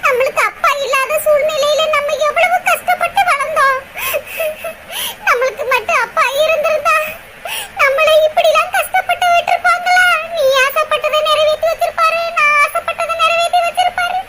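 A woman's voice: extremely high pitch, fairly even intonation, normal speed, music in the background. A woman voicing a caring older sister in a cartoon, firm but tender, in a southern Tamil Nadu accent. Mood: consoling. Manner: scolding yet tender, lamenting. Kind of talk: cartoon voice acting.

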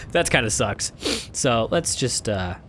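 A man's voice: mid-range voice, expressive, slow pace, fairly bright tone, slight background noise. A young man hosting a let's play, reading the game text and chatting casually with rambling, laugh-filled asides.

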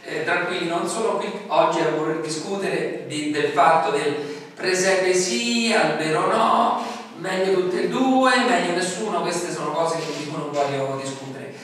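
Middle-aged Italian pastor, slightly high voice, chatty sermon with questions to the room, distant and echoey. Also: male voice, measured pace, a bit bright. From Italy. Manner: conversational, asks the congregation questions. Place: small church hall, indoors. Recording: echoey hall, voice from afar.

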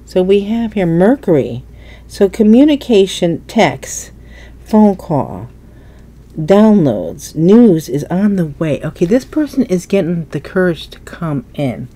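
Turning tarot cards at an indoor table, with just her hands visible, a stuffy-nosed woman thinks aloud during a relaxed reading. Her voice is fairly low and mellow, slow-paced, and swings widely in pitch.

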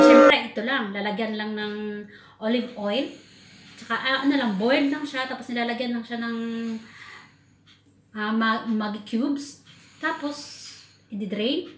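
Woman from the Philippines, casual vlog storyteller, animated, higher voice, echoey room. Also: normal speed, pauses often. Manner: animated, laughing while telling a sad story. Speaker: vlogger. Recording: echoey room with faint ambient noise.

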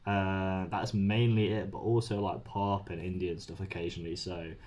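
A man hosting a music reaction video, talking casually and excitedly with plenty of swearing and rambling asides. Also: deep voice, normal speed. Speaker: music reaction channel host. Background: faint music playing.

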